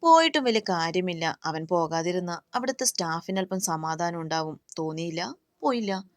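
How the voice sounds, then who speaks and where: An arrogant young man with a short temper, voiced by a woman reading a story. He taunts rudely, low and close, with a dry sound. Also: lively intonation, moderate pace, no room sound, lightly acted. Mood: sulky. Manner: rude, taunting.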